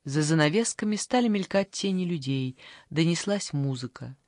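An audiobook narrator reading a literary story in a measured, even storytelling manner. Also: medium pitch, no room sound, studio quality.

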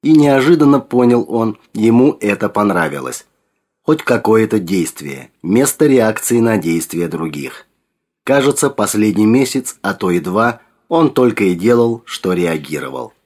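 A male narrator reads a story aloud with a low voice. His delivery is steady and measured, like a practiced audiobook reader. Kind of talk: scripted narration.

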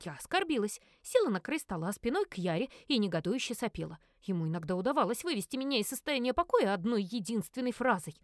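A woman narrating an audiobook in the first person, wry and expressive. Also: fairly high pitch, quick pace, few pauses, dry recording, studio quality.

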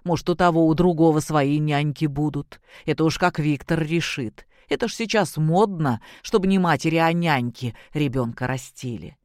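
An audiobook reader voicing a blunt, hearty older village father, pitched below the narration. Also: normal speed, hardly any pauses, a little mellow, no room sound, studio quality, lightly acted. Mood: gloomy. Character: gruff good-natured older village father.

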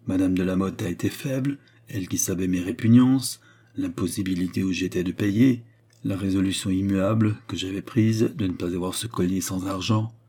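A man voicing a proud, haughty queen in an audiobook reading, his voice raised higher and delivered in an imperious, demanding way. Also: fairly even intonation, normal speed, dark tone, husky.

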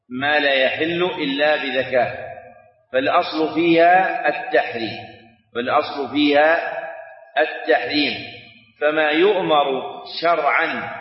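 A middle-aged man teaching a classical Arabic lesson, who dictates in a measured, chanted cadence and repeats each phrase for note-taking. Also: fairly high pitch. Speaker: Islamic scholar teaching a text. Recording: roomy hall reverb, distant dull mic.

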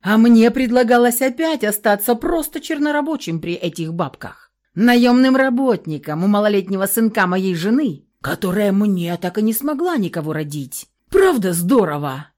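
A woman's voice: medium pitch, lively intonation, moderate pace, natural voice. A woman reading a cruel, menacing husband. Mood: furious. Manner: shouting insults, then sneering and cold. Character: cruel scheming husband, grown man, cold and menacing. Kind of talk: audiobook character reading.

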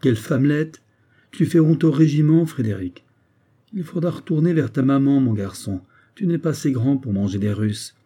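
A man voicing a brutal, mocking soldier with a loud, jeering delivery in an audiobook reading. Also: medium pitch, moderate pace, breathy edge, natural voice. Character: brutal hulking male grenadier, mocking and quarrelsome.

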